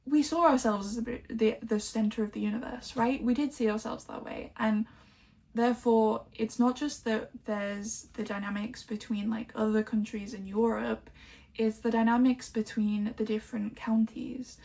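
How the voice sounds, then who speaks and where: Chatty woman with a gravelly edge. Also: fairly high pitch, fairly even intonation, moderate pace, dark tone. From Liverpool, England. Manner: rambling, chatty, lots of "like" and "um". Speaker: book vlogger. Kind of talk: casual chat about books.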